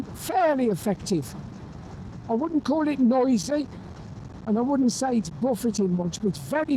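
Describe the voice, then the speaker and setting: A man's voice: very high voice, warm tone, poor audio. A man talking through a motorbike helmet intercom mic as he rides, giving a chatty, enthusiastic commentary on the bike. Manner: chatty, enthusiastic, talks while riding. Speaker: motorcycle reviewer. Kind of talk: ride-along bike review commentary. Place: on a motorbike on open roads, outdoors. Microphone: motorbike helmet intercom mic while riding. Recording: helmet mic with faint road noise. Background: wind and engine noise.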